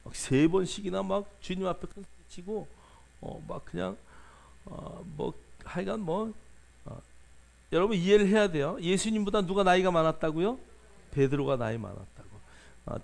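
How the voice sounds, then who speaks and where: A man's voice: high voice, creaky. A male pastor preaching a sermon, questioning the congregation and coaxing answers, with frequent filler sounds.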